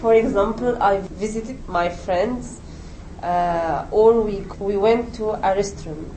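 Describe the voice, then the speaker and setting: Slow-speaking young woman. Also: medium pitch, mellow, a little hiss or hum, poor audio. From Egypt. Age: 20s. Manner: simple, halting answers with light laughter. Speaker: English language student. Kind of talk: classroom interview practice.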